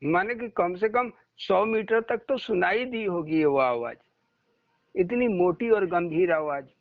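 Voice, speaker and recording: Male spiritual teacher, unhurried storytelling sermon, dry close sound, plays every part in his stories himself. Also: high-pitched, expressive, no echo. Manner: storytelling, acting out quoted dialogue. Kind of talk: devotional satsang talk. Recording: muffled lo-fi recording.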